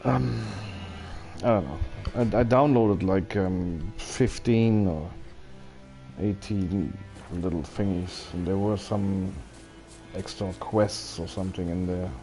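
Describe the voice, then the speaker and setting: Thinking aloud and often hesitating, a man chats casually with viewers while streaming a game. His voice sits low with a dark tone and a slow pace, with faint music behind.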